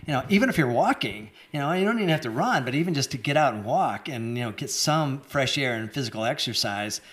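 Older man, animated storyteller, lively pitch, easygoing interview talk. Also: quick pace. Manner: animated storyteller, voices quoted people, laughs often. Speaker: interview guest, former marathon runner.

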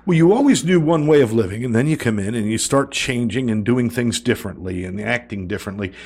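A man's voice: medium pitch, lively intonation, a little fast, a little mellow, slightly rough. A man hosting an interview, affirming his guest and asking long, reflective questions. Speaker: host interviewer. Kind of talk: supportive interview conversation.

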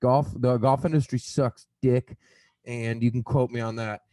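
Man, from the American South, casual chat, animated storytelling, swears freely, dry sound. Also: medium pitch, measured pace, no echo.

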